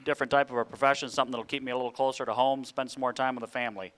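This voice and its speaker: A man's voice: mid-range voice, level tone, rapid-fire, a bit bright. A middle-aged man from Michigan giving casual answers about himself on stage at a live event. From Michigan, United States. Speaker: student auctioneer, Navy veteran. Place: live auction event before an audience.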